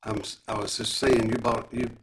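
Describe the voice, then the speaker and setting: A man's voice: medium pitch, little pitch movement, moderate pace, creaky, background noise. A man interviewing a guest over a remote call, asking questions with frequent hesitant ums, his audio staticky and breaking up. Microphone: remote call connection.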